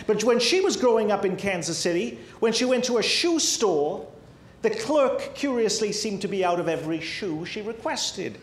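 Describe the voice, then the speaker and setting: A man moderating a public discussion, introducing guests smoothly. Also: sits high, big pitch swings, moderate pace, slight background noise. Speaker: host, moderator. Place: library event hall. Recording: echoey hall.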